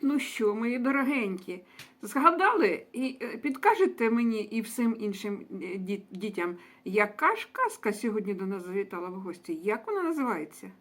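A woman's voice: mid-range voice, very animated, normal speed. A woman closing a lesson for young children, speaking to them affectionately and praising them. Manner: affectionate, addresses children as dear ones. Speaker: preschool teacher.

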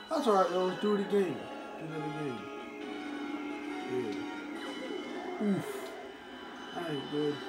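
A man casually commenting while playing a video game at home, chatty and talking to himself, with excited outbursts. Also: fairly high pitch, rough recording. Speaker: gameplay commentator. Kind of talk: casual let's-play commentary. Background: video game music.

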